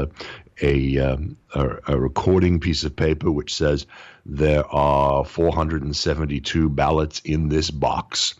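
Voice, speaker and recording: A man's voice: extremely low pitch, a little mellow, dry recording, muffled recording. Sick man sounding inside a tin can. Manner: rambling, many restarts. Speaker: political guest. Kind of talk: phone-in interview explaining.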